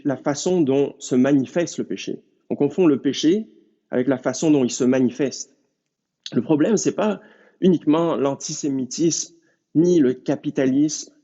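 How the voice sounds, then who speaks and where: Earnest preacher man, dark voice. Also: fairly high pitch. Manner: earnest, measured, addressing listeners directly. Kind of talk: sermon. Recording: dull lo-fi recording.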